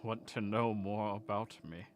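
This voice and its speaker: A man voicing a creepy, lanky, quietly friendly last survivor of a dead race in a tabletop game, soft-spoken and deliberate, with phlegm in his throat. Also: on the low side, little pitch movement, natural voice. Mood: creepy, guarded.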